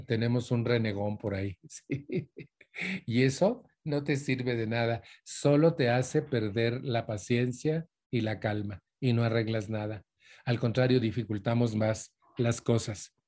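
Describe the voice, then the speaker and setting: A man's voice: mid-range voice, darkish tone. A man giving a live motivational talk to an audience, asking them questions and acting out angry outbursts. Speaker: motivational speaker.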